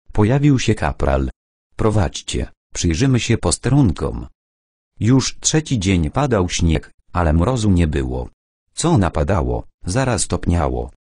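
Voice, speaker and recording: A man narrating an audiobook in a measured, expressive storytelling manner. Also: low-pitched, slightly rough, dry recording, clean studio sound.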